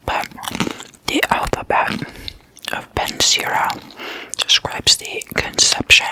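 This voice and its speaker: Hushed from start to finish, the ASMR host casually walks through explanations in short, unhurried, deliberate whispered phrases.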